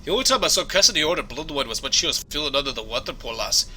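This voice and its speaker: A man's voice: on the high side, expressive, very fast, sharp tone, a little hiss or hum, poor audio. A man putting on a blustery Scottish starship engineer. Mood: grumbling. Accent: put-on Scottish. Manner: hearty, blustery, rolling brogue. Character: boisterous male Scottish starship engineer, fond of whisky.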